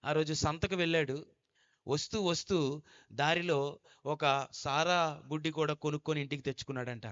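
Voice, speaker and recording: A man's voice: fairly high pitch, steady tone, normal speed, a bit bright. A male preacher telling a story in an emphatic sermon, often urging listeners to pay attention. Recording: dull lo-fi recording.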